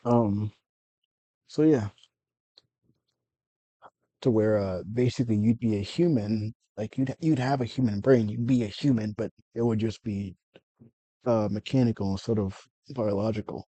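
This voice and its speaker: Husky, dark-voiced man rambling alone. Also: on the low side, fairly even intonation, unhurried, long pauses, dry recording. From United States. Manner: meandering, self-correcting, frequent swearing. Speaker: vlogger. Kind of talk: rambling personal monologue.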